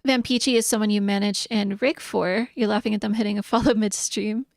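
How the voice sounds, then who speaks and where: A woman's voice: mid-range voice, steady tone, fairly quick, darkish tone, no echo, clean studio sound. A woman live streamer chatting casually and thinking aloud as she reads through notes, sometimes mumbling. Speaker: VTuber streamer.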